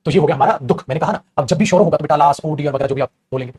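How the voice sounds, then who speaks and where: A man's voice: a little high, rapid-fire, darkish tone, slightly rough. A male teacher giving a classroom grammar lesson, drilling and repeating points and calling his students "beta". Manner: addresses students as beta, repeats and drills, switches between languages. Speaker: English teacher.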